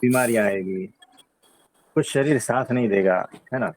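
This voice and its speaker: Calm man teaching spiritual talk. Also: mid-range voice, unhurried, very noisy. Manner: calm, patient explaining with frequent "है ना?". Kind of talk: satsang question-and-answer.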